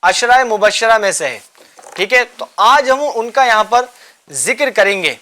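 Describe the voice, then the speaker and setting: A man hosting a children's religious show, coaxing the kids with repeated questions and gentle teasing. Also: high voice. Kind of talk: quizzing children in a studio class.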